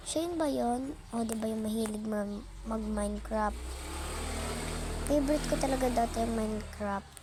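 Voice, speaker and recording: Stammering high-voiced gamer girl. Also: background noise. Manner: stammering, apologetic, self-laughing. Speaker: gaming YouTuber. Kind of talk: casual gameplay commentary.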